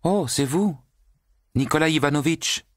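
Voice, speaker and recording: A man voicing an exultant young woman newly turned witch, crying out loudly with a hoarse edge. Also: on the high side, measured pace, no echo, clean studio sound, voice pushed up, close to an everyday voice. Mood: dreamy. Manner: loud and hoarse cries.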